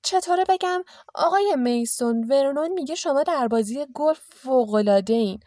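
A woman voicing a fussy middle-aged housewife who gushes and flatters in an audiobook reading. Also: high voice, dry recording, studio quality, pitched above the performer's own voice. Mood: gushing.

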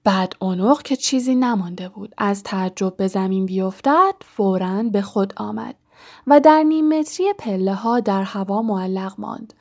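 A woman reading a story aloud in measured narration, sometimes dropping to a soft whisper. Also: mid-range voice. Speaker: audiobook narrator. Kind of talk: scripted narration.

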